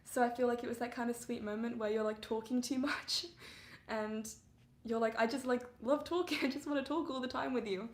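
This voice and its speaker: A young Englishwoman with a mixed English and Canadian accent chats and giggles on a music livestream, where she performs as a singer-songwriter. Her voice is on the high side, steady and a little fast, sounds a little under the weather, and carries a roomy quality. She's chatty, with lots of fillers.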